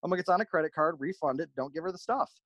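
Guy who runs a merch brand, talks super fast, acts out all the convo bits in his stories. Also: a little high, dry recording. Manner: animated, acts out quoted exchanges. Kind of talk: casual interview storytelling.

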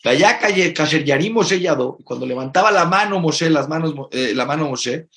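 A rabbi teaching Torah in a sermon, mixing Hebrew phrases into his Spanish, emphatic and shifting from soft, intimate asides to loud exclamations. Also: a little high, expressive, normal speed.

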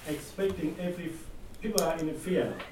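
A man from Zanzibar with a Tanzanian accent, making a halting, earnest comment from the floor at a seminar. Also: a little high. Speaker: audience member commenting. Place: seminar room. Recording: very echoey, distant mic, noisy room.

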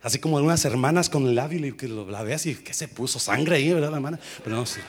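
A middle-aged man, a pastor, telling a story in a sermon with lively sound effects and English phrases mixed in. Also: mid-range voice, fast talker.

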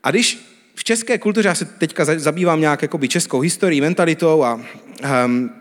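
Casting: pastor in his thirties, fairly high voice, chatty sermon delivery. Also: long reverb tail. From Czech Republic. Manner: conversational preaching with everyday stories. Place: church hall.

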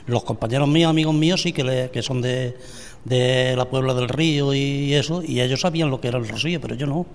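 An older man born in La Rambla, Córdoba, in Andalusia, Spain, answers questions in a radio interview as vice president and founding member of a brotherhood. He is hesitant and repeats words while telling homely stories, his medium-pitched voice brisk. The room is reverberant, so the audio sounds echoey.

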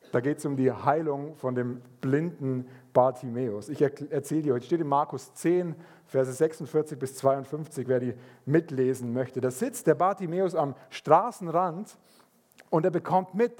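A man preaching a sermon, telling stories in a lively way and acting out the voices of people in them. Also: a little high, moderate pace. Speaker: pastor.

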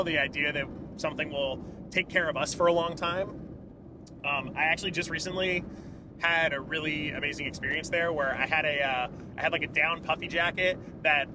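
A man talking as a podcast guest in a car, enthusiastic and rambling, full of fillers. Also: a little high. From California. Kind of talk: casual conversation. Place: inside a car. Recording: road and traffic noise.

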